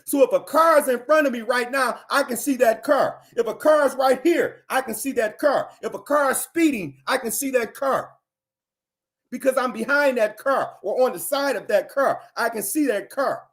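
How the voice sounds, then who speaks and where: A man giving animated, emphatic commentary and answering viewers, driving his points home with repeated phrases. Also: very high voice, moderate pace. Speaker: commentator on a livestream.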